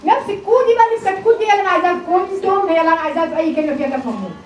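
A woman's voice: very high-pitched, rapid-fire, background noise. A woman with an Egyptian accent teaching Quran recitation, questioning her students and drilling them on how letters are pronounced. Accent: Egyptian Arabic. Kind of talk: classroom lesson with drills. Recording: roomy, distant from the mic, chattering class behind.

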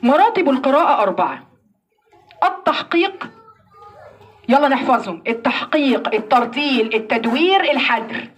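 An Egyptian woman teaching Quran recitation to a class, asking questions and answering them herself, and slowly demonstrating verses. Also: high voice, lively intonation, breathy edge. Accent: Egyptian Arabic. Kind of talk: classroom lesson.

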